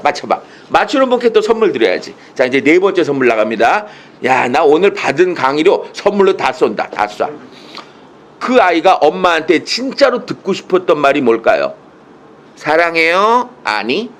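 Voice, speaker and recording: A man's voice: a little high, very animated, normal speed. A man giving a humorous lecture over a video call, telling stories in a playful, teasing way and acting out the quotes. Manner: playful, teasing storyteller who acts out quotes. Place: indoors, speaking to a monitor.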